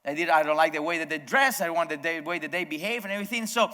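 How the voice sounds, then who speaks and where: A man with a slightly high, bright, forceful voice races through his sermon at a church service. Spanish is his first language, and he talks conversationally to the congregation, often starting sentences afresh, while the hall adds a noticeable echo.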